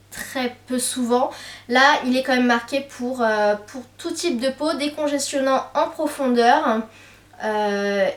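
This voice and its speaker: A young woman with a slightly high voice chats about beauty buys, filling her sentences with hesitant fillers. She is recorded from a little way off the mic, and the room adds a clear echo. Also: far from the mic, a little hiss or hum. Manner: chatty, many hesitant fillers. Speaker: beauty vlogger. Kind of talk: casual haul chat to camera.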